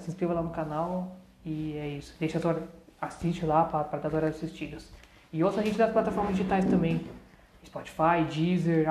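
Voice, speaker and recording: A woman's voice: on the low side, dark tone. A woman with a Brazilian Portuguese accent hosting a podcast in casual, slangy, rambling talk full of asides. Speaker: podcast host. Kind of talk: casual chat with channel announcements. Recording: roomy, echoing sound.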